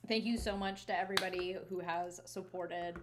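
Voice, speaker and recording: A woman's voice: lowish voice, steady tone, moderate pace, background noise. A woman co-hosting a livestream, casually chatting and thanking viewers. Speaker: livestream co-host.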